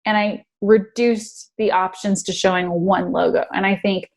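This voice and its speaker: A woman's voice: mid-range voice, moderate pace. Earnest woman, interview guest. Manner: earnest, animated, laughs often. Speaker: guest brand strategist. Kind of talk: casual interview chat.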